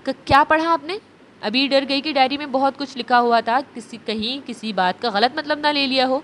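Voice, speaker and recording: A woman narrating a romance novel in a steady, even storytelling manner. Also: sits high, a little hiss or hum.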